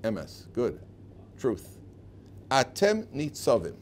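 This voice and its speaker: Male rabbi, informal class, questioning and emphatic delivery, mid-pitched voice, repeated key phrases, noticeable background noise. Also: wildly swooping pitch, slow, a little mellow. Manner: questioning, asks and answers his own questions. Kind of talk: informal Torah lesson to a small group. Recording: clearly noisy room recording.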